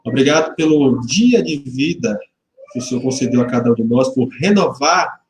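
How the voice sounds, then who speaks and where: An expressive, mid-range voice at a moderate pace belongs to a pastor of about forty from Salvador, Bahia, Brazil. Leading a livestreamed church service from a church hall, he greets viewers by name, jokes lightly, keeps things chatty and prays. The webcam microphone gives roomy sound.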